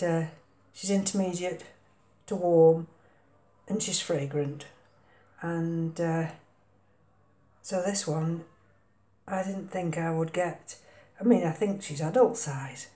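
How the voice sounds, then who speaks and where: Older woman, hesitant, slow-talking, lowish voice, echoey kitchen. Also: warm tone. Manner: hesitant, lots of ums and uhs. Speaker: orchid vlogger. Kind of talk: casual chat while potting a plant. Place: home kitchen.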